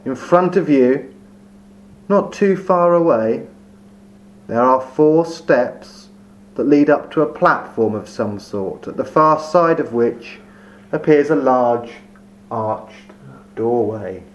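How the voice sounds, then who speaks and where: A man leading a guided meditation in a slow, soft, soothing voice with long pauses. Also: mid-range voice, expressive. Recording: dull lo-fi recording with faint hum.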